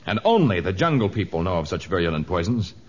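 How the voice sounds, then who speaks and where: A calm jungle hero in a vintage radio drama, speaking formally and deliberately. His voice sits very low. The recording is muffled. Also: breathy edge, exaggerated voice. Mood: grave. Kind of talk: 1940s radio acting. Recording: dull lo-fi old radio recording.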